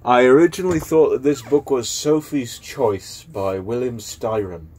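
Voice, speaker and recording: A young book vlogger casually talks through books he's giving away, unhurried and rambling with plenty of fillers, in a casual spoken review. His voice is mid-range and a little mellow, with slight background noise.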